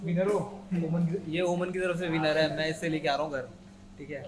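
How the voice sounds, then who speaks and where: A young man vlogging on the spot in a busy gaming store, talking to his camera in a lively, joking way. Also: on the high side, brisk, music in the background. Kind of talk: on-the-spot vlog chat.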